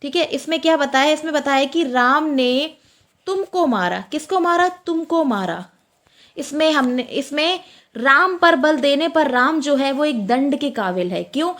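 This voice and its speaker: A woman teaching an exam-prep lecture, repeating each point slowly and asking and answering her own questions. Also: high voice, animated, a bit bright.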